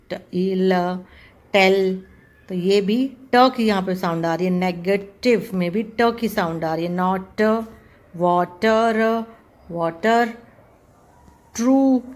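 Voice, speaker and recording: Woman teacher, very slow pace, mid pitch, repeats and spells words, video lesson. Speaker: English pronunciation teacher.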